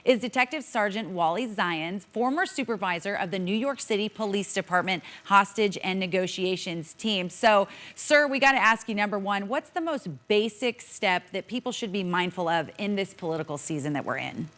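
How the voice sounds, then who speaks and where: A woman's voice: mid-range voice, normal speed, hardly any pauses, a bit bright. A woman presenting and interviewing for television news with a polished, emphatic delivery.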